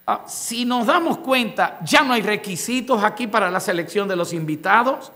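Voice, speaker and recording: A man's voice: high-pitched, animated, normal speed, pushed and bright. A man preaching a sermon, reading scripture aloud and explaining it to the congregation, often asking them rhetorical questions. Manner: expository preaching, reads scripture then explains word by word. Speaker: pastor.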